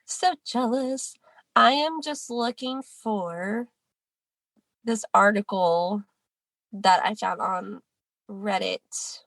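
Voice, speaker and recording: A woman's voice: medium pitch, drawn-out words, gravelly, long pauses, a bit bright, no echo. A woman co-hosting a podcast, stuffy from a cold, chatting casually and reading an article aloud. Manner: reads a news article aloud, then comments. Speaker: podcast co-host.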